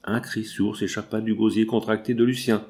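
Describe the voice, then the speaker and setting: Low-voiced male audiobook narrator. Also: flat delivery, moderate pace, a little mellow. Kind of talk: scripted novel narration.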